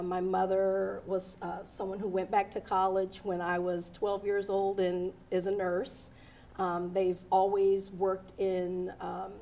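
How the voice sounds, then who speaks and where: A woman's voice: mid-range voice, mellow. A woman in her forties, a lawyer and interview guest who was raised in Delaware, answering earnestly with many ums and uhs. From Delaware, USA. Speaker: guest, attorney and judicial candidate.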